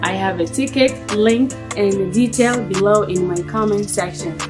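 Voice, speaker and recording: A woman's voice: medium pitch, moderate pace, over music. A woman who founded a fashion business, making an upbeat, scripted promotional announcement.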